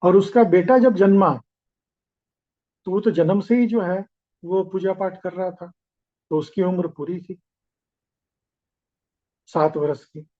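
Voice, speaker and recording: High-voiced man telling a moral story. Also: steady tone, lo-fi sound. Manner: homely storytelling with pauses. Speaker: spiritual speaker. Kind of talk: storytelling discourse.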